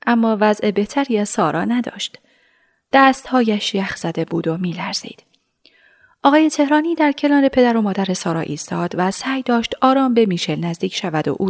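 A woman narrating a story in a measured voice, dropping to a hush at times. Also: mid-range voice.

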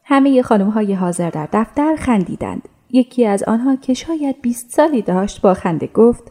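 A woman narrating a radio drama calmly and evenly. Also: a little high. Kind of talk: scripted narration.

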